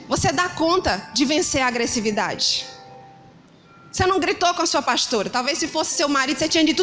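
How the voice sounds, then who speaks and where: A middle-aged woman pastor with a Ceará Brazilian Portuguese accent delivers a sermon, her voice sitting high. She tells stories in a lively way and mimics shouting parents. Faint music plays beneath her. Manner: animated storytelling, acting out shouting parents.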